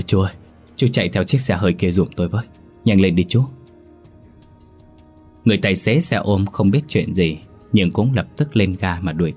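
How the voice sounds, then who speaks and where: A male storyteller reading a ghost story aloud in a steady, dramatic manner. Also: deep voice. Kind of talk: scripted horror story narration.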